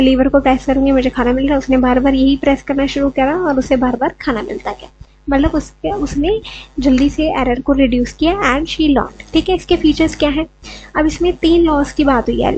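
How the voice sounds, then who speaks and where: A woman's voice: sits high, a little mellow, highs cut off. A woman teaching an education lesson, explaining step by step and often checking in with "okay". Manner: mixes English terms, repeats "ठीक है" often.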